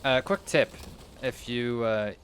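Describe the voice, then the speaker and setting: A man's voice: mid-range voice, slow, fairly bright tone, slight background noise. A young man giving rambling, casual commentary while playing a video game, often losing his train of thought. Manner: rambling, meandering, self-interrupting. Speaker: gaming video creator.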